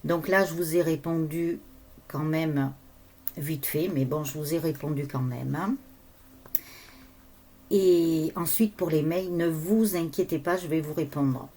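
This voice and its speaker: A woman's voice: sits low, slow pace, warm tone. A woman medium giving casual spiritual guidance, chatty and rambling with many fillers. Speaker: medium and energy healer.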